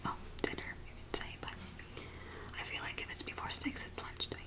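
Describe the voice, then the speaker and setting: An ASMR performer in a small home office whispers a role-play as an easygoing eye doctor, murmuring softly to a patient and pausing for replies in a halting one-sided conversation. Her natural, soft, breathy, unvoiced whisper sounds casual and chatty, picked up by a large microphone close beside her.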